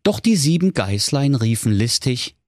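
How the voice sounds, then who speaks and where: A man narrating a comic fairy-tale parody in a mock storyteller manner, addressing the children with deadpan asides. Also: medium pitch, measured pace, no echo, clean studio sound.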